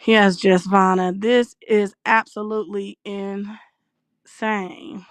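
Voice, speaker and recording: A woman's voice: medium pitch, level tone, slow pace, clear, resonant tone, no room sound. A woman hosting a casual livestream, heated and swearing as she greets her viewers by name. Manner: heated and profane, reading out shout-outs to viewers. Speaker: livestream host.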